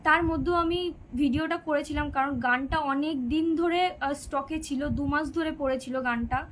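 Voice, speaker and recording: A woman's voice: sits high, normal speed, slight background noise, low-quality recording. A sixteen-year-old girl chatting on a live stream, reading out viewers' comments and answering their questions. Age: teenager, 16. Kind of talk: casual live-stream chat.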